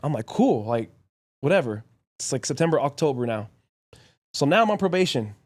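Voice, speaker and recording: The young podcast host's voice sits fairly high and sounds expressive. Casual and profane, he tells his story through rapid, blunt anecdotes in short clauses.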